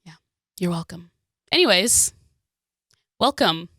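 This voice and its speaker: Bright, giggly young woman chatting. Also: fairly low pitch, expressive, takes it slowly, dry recording, studio quality. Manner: giggly, rambling. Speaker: podcast co-host. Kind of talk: casual chat.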